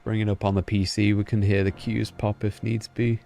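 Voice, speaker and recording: A man streaming games, chatting and thinking aloud in a relaxed way. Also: on the low side, a little fast, creaky, faint music behind. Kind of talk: casual reaction livestream.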